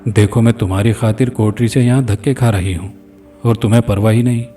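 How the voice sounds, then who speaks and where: A man's voice: fairly low pitch, fairly even intonation, dark tone, close to an everyday voice. A man reading the lines of a female spirit in a horror story, coaxing and threatening. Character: seductive menacing female spirit. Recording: distant mic with faint music.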